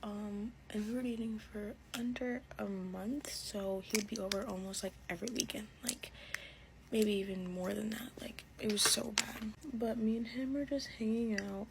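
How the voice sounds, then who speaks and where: Young woman with a gravelly, hushed voice. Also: medium pitch, fairly even intonation, moderate pace, heavy background noise. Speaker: storyteller. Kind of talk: casual storytime chat.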